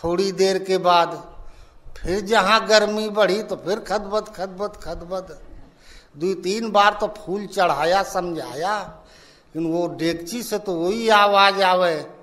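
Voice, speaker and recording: Spiritual teacher, male; unhurried storytelling sermon, higher-pitched delivery. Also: fairly bright tone. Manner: slow, folksy storytelling with acted-out dialogue.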